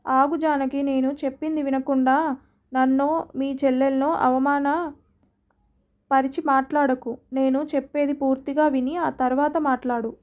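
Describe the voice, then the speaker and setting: Storybook husband, earnest and pleading, high flat tone as a woman reads him. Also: unhurried. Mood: explaining. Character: young husband, patient and pleading. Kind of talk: storybook reading.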